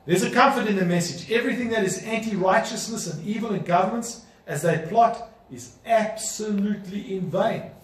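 A man's voice: high voice, normal speed, hardly any pauses. A man preaching a sermon as pastor, driving his points home with emphatic rhetorical questions. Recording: echoey room, voice from a distance.

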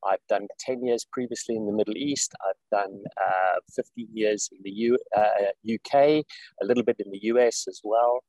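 A lowish-voiced man from South Africa speaks as an interview guest over a video call. He talks in a measured, unhurried way, full of small fillers and restarts. The sound is dry and close, with little room around it. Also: a little mellow, no room sound, rough recording. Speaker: executive director, guest. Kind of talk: interview conversation. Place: Saudi Arabia, remote call.

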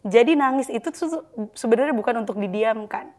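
A woman with a fairly high voice talks through parenting advice on a casual podcast. She explains at length with lively energy and sometimes drops into a calm, soft tone to show how to speak. It sounds like a relaxed chat between guests. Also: fairly quick.

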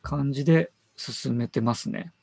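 A man's voice: mid-range voice, a little slow, vocal fry, a little mellow, slightly rough, no echo. A man who works as a designer, talking casually about his work and thinking aloud with fillers and self-corrections.

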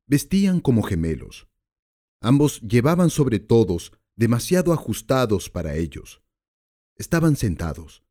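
Mellow-voiced male audiobook narrator. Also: mid-range voice.

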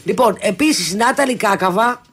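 A woman's voice: medium pitch, animated, a bit bright. A woman co-hosting a casual celebrity gossip show, blunt and teasing, often trailing off and restarting.

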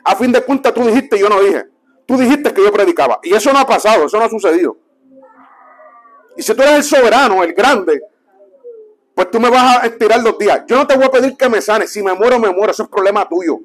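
A young adult man preaches his testimony in a high-pitched voice. He tells it like a lively story and drops low when he acts out the dialogue. Faint music plays behind him. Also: fast.

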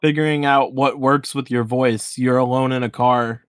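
A man's voice: mid-range voice, fairly even intonation, normal speed, smooth, no echo. Offhand male podcast co-host, dry sound. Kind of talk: casual chat.

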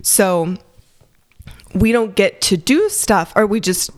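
A woman's voice: mid-range voice, lively intonation, takes it slowly, no room sound. A young woman co-hosting a podcast in casual chat, a little congested from a cold, talking freely with lots of fillers and laughter. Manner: chatty, laughs often, many fillers. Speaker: podcast co-host.

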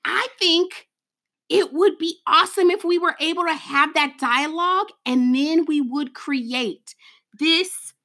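A young adult woman co-hosting a casual chat about motherhood. She talks in an animated way, laughs often and calls listeners girl and honey. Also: sits high, a little slow. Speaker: podcast co-host.

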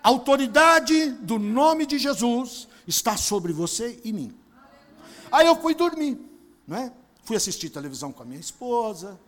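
A middle-aged Brazilian pastor preaching, his voice sitting unusually high for a man. He tells his story in a sermon, rising to loud bursts and dropping to quiet asides. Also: very animated, measured pace, in a large hall. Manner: storytelling with dramatic swings in loudness.

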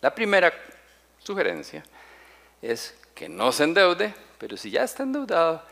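A man preaching a sermon, emphatic, slowing down and repeating key phrases and asking the congregation rhetorical questions. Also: on the high side, huge pitch swings, gravelly, a bit bright. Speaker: pastor.

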